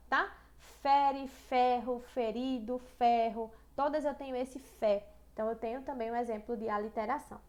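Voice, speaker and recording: A woman with a Brazilian accent teaching an online lesson, chatty, checking in with "tá?" and "né?", reading verses slowly. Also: a little high, darkish tone. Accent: Brazilian Portuguese. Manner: reads poems aloud slowly and rhythmically.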